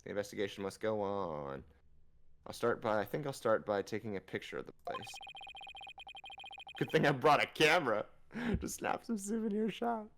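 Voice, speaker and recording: Animated, goofy man doing a let's play. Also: lowish voice, moderate pace, gravelly, noisy background. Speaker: gaming show host reading character lines. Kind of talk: playful let's play, dramatic line reading and banter.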